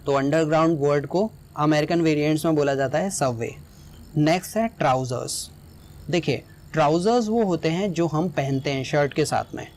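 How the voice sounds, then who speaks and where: Man explaining a lesson, fairly high voice. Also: normal speed, a little mellow. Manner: explanatory, often checks in with "right?". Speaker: teacher.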